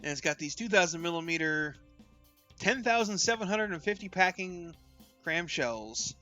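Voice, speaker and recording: Male streamer, slightly high, bright tone, loose rambling stat read-out, faint music underneath. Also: lively intonation, normal speed. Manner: rambling, reads out stats, chuckles often. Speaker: streamer and tournament caster. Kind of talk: casual game commentary.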